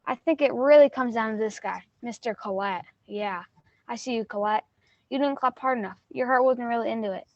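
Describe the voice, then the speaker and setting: Woman as a accusing, high-voiced show narrator. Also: a little fast, darkish tone, dry recording, muffled recording, lightly acted. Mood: mock indignant. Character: mock-indignant show narrator guilt-tripping the audience. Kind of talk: comic school stage play.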